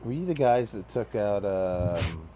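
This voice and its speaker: A man hosting a podcast, asking questions in a hesitant, halting casual way. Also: fairly low pitch, animated, a crowd in the background. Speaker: podcast host. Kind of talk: casual chat. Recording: muffled lo-fi mic with hiss.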